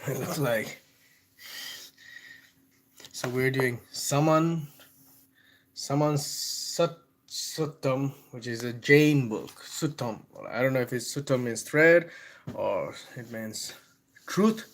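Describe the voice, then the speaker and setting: A Bangladeshi man with a Bengali accent and a medium-pitched voice talks slowly, leaving long pauses, as he hosts a casual livestream reading and reviewing a book. He rambles irreverently and laughs between thoughts. When reading passages aloud he gets louder and declaims them.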